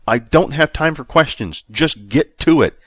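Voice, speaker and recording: A man voicing a desperate male spaceship captain who shouts demands at his crew. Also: fairly low pitch, expressive, a little fast, dry recording, studio quality. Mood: urgent, shouting.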